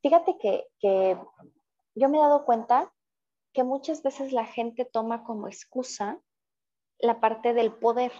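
Woman co-host, earnest, fairly high voice, slightly dull muffled sound. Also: unhurried, warm tone. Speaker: podcast co-host. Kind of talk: casual chat.

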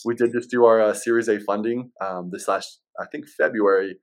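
A man's voice: lowish voice, fairly even intonation, moderate pace. A man speaking casually as an interview guest, explaining things in an easygoing salesman manner. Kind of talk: casual chat.

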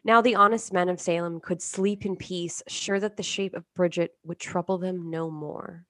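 A woman's voice: lowish voice, steady tone, moderate pace, fairly bright tone, no room sound. A young woman hosting a casual podcast, telling a history story in a joking, chatty way and swearing freely. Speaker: podcast host.

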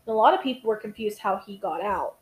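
A woman's voice: mid-range voice, quick pace, poor audio. A tired young woman co-hosting a casual true-crime podcast, rambling, swearing and restarting her sentences. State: tired, yawning. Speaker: podcast co-host.

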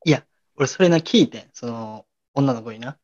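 Deadpan Kansai man co-hosting. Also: mid-range voice, normal speed, muffled recording. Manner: deadpan retorts, wraps up the show. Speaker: podcast co-host. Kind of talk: casual comedic chat.

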